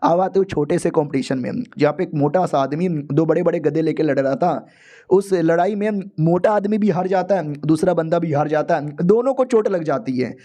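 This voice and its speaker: A man's voice: a little high, moderate pace, warm tone. Chatty man narrating a manga recap. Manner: chatty, colloquial, asides to viewers. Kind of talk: casual storytelling recap.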